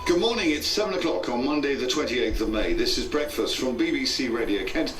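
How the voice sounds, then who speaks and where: A man presenting a breakfast radio show, giving a brisk, upbeat time check and station ident, heard through a tinny clock radio. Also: mid-range voice, animated, reverberant, distant mic, music in the background. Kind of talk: scripted broadcast announcement.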